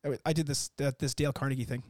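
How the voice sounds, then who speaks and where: A man talking as an interview guest, animated and rambling, restarting his sentences. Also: medium pitch, very fast, dry recording, studio quality. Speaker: company founder, guest. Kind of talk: casual interview chat.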